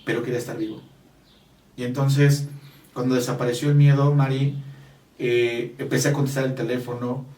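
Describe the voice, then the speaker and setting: A man's voice: mid-range voice, flat delivery, normal speed, pauses often, warm tone, roomy sound, distant mic. A man with a Mexican Spanish accent, a business coach telling a personal story in an interview, earnest and emphatic, speaking straight to the listener.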